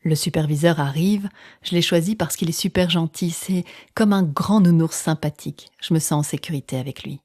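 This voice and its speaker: Dark, low-voiced woman telling an intimate story. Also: no room sound, studio quality. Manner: dramatic pauses, dropping into near-whispers, acting out quoted speech. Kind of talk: intimate first-person narrated personal story.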